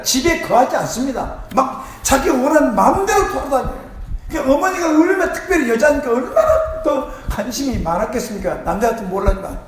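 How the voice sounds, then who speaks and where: Fervent high-voiced man preaching. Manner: impassioned preaching, leads call-and-response. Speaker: pastor. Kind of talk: sermon. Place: large church hall. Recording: very echoey church hall, faint noise.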